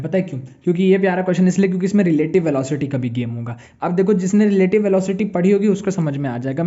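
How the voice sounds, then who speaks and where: A man's voice: on the high side, dark tone, dull audio. A young man with an Indian English accent teaching maths in a recorded online lecture, chatty and playful, answering his own imagined students. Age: young adult.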